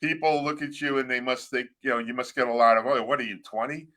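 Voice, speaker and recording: A man's voice: mid-range voice, fairly even intonation, quick pace, crowd noise, rough recording. A man co-hosting an interview, asking questions with joking, teasing asides. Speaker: co-host. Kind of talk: casual interview chat.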